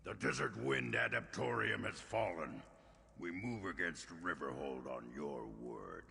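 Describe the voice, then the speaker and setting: Gravelly, sinister necromancer. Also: male voice, low-pitched, sing-song, pushed and bright, heavily acted. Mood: dutiful. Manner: menacing, drawn-out, theatrical. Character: sinister, smug necromancer, servant of a queen. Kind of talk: video game character acting.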